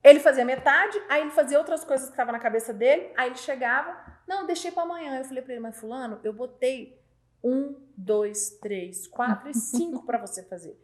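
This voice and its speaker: Woman host, higher voice, loud, animated storyteller acting out dialogue. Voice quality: loud speaking voice. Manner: animated, acts out dialogue with quick voice changes. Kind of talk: casual chat.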